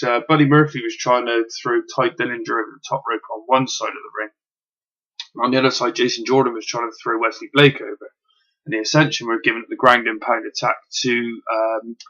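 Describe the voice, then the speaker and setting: A man's voice: mid-range voice, creaky, fairly bright tone, muffled recording. A man casually reviewing wrestling, rambling with lots of ums and the odd swear word.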